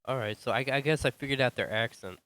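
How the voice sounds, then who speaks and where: A firefighter from Colorado chatting thoughtfully at an online book club, pausing with fillers. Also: male voice, medium pitch, fairly bright tone, no room sound. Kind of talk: casual book club chat.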